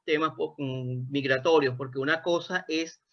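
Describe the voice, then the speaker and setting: With a slightly high, steady voice at a normal pace, a Venezuelan interviewer reflects aloud with his guest, thoughtful and wide-ranging, often starting sentences over to correct himself. It's captured in dull, lo-fi audio.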